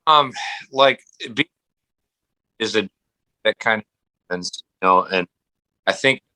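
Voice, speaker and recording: Male guitarist guest on a glitchy video call, audio cutting out, bright and clipped, chopped-up phrases. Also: fairly low pitch, no echo, rough recording. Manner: halting, fragmented phrases. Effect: voice breaking up over a bad call connection. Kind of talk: casual video-call chat.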